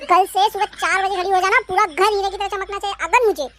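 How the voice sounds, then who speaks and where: A woman's voice: extremely high pitch, steady tone, quick pace, a bit bright, a little hiss or hum. A woman voicing a bossy, nagging mother-in-law in a cartoon, scolding and threatening.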